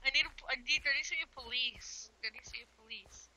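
A man's voice: fast, poor audio. Man through a gender swap voice filter. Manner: playful, teasing, bursts into shrill yelling. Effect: gender swap voice filter making him sound like a woman. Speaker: gamer. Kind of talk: casual chat while playing a game.

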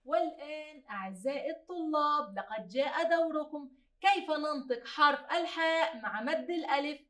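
A woman teacher giving a slow phonics lesson to young pupils, stretching out each sound and praising them often. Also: sits high, lively intonation, sharp tone, distant mic. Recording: echoey room, voice a bit off-mic.

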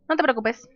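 A gaming YouTuber with a high-pitched voice gives casual let's play commentary on a life-sim game, reading menu options aloud and laughing often. The audio has no echo.

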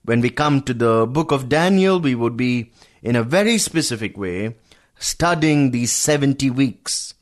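A man teaching a verse-by-verse Bible study on the radio, calmly explaining and calling his listeners friends. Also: mid-range voice. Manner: addresses listeners as friends, measured teaching pace.

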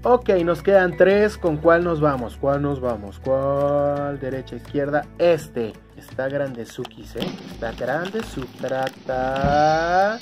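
Excitable man, slow-talking toy unboxer. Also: fairly high pitch. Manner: excitable, bursts into delighted exclamations, fond of cute diminutives. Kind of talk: casual toy unboxing chat to viewers. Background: background music.

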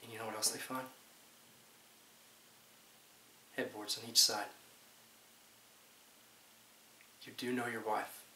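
A young American man in his twenties acting a dramatic monologue as a bitter, aggrieved man who says he was framed, defensive and halting. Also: on the low side, flat delivery, sharp tone. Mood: grim, wounded. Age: 20s. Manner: defensive, emphatic, swearing, halting. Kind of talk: dramatic monologue, naturalistic audition-style acting. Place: small plain indoor room. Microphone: camera mic a few feet away. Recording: roomy home recording with hiss.

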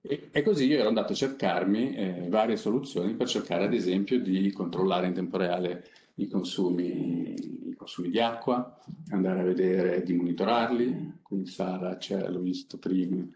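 A middle-aged man speaks from a panel table, presenting without a script and pausing often as he goes. His voice sits low. The room around him rings with echo, and faint background noise runs underneath. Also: darkish tone. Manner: conversational, unscripted, halting with frequent pauses. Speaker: company innovation director presenting a project. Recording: echoey conference room.

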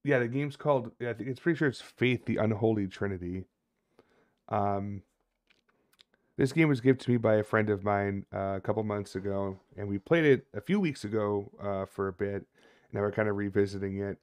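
A man in his thirties with a fairly low voice, streaming a horror game. He chats casually to his viewers and swears freely as he plays. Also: normal speed, darkish tone. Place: indoor room at a streaming desk.

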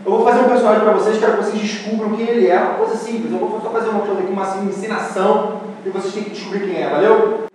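A man with a Brazilian accent leading an impressions class in a comedy sketch, loud and bossy, calling out to a group. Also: high-pitched, fairly even intonation, racing, noisy background. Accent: Brazilian Portuguese. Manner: loud, bossy, shouting call-and-response. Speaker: impressions teacher. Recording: echoey room from far off.

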